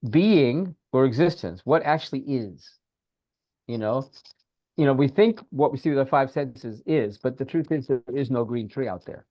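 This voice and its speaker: A man speaks in a middle-pitched voice, animated and repetitive, as he guides someone through breathing and noticing feelings. His audio sounds dry and a bit muffled, like a remote call with no room around it. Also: normal speed, dry recording. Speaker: podcast co-host, spiritual teacher. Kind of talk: casual podcast conversation.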